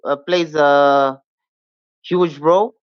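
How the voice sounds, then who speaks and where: Young guy rapper, smooth voice a bit high, lots of ums, dull lo-fi sound. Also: steady tone, slow. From Zambia. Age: young adult. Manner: hesitant, filler-heavy. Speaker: rapper guest. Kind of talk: casual interview answers.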